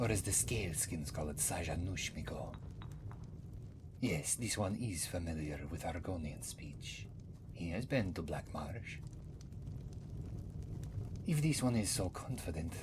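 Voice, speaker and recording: In this fantasy ASMR roleplay, a man plays an ancient, wry and courteous cat-folk who once served as a priest, referring to himself in the third person. His low-pitched delivery is soft and often slips to a whisper. Music plays beneath a noisy background.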